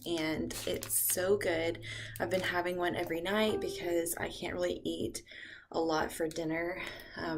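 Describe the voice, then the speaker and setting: Young woman, heavily pregnant, casual home vlogger; low-ish voice, filler-heavy chat, softly breathy now and then, faint noise. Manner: chatty with frequent ums, drifts into soft whispers. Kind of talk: casual beauty vlog chat. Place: bathroom at home, indoors.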